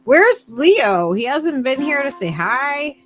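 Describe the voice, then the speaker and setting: A woman's voice: sits high, big pitch swings, slow, soft background music. A middle-aged woman co-hosting a casual livestream chat in a playful, teasing way. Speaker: livestream co-host.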